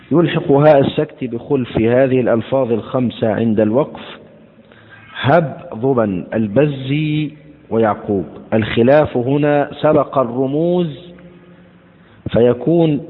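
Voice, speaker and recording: A male teacher explaining recitation rules in a slow, deliberate lecture, repeating words to show how they are pronounced. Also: mid-range voice, husky. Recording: tinny phone-like lecture recording in a hall.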